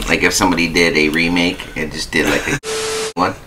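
A man's voice: sits low, little pitch movement, fairly quick. A man co-hosting a podcast, making wry quips in casual banter. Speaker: podcast co-host. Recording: noisy room recording.

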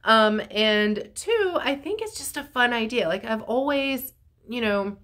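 Her voice is fairly high, animated, a little slow and somewhat bright, though congested and a bit nasal. She's a woman in her forties from North Carolina, USA, an artist vlogger filling her casual chat with ums and likes. She records indoors in a small room at home on a phone camera held at arm's length.

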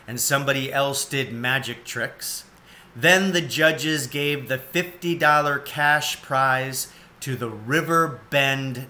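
Reading a children's storybook as narrator, this man in his forties is seated indoors in a cluttered home room. He has a mid-range voice with a sharp tone.

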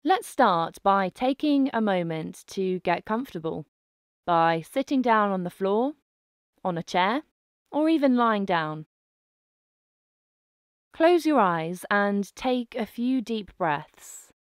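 A woman narrating a guided breathing meditation in a gentle, calming manner. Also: mid-range voice, no room sound, clean studio sound. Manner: slow, gentle, calming delivery with soft phrasing.

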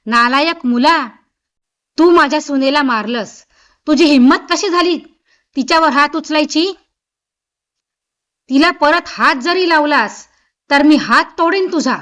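A woman storyteller voicing a stern, sharp-tongued older mother-in-law who scolds and commands. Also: high voice, slow, pauses often. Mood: furious.

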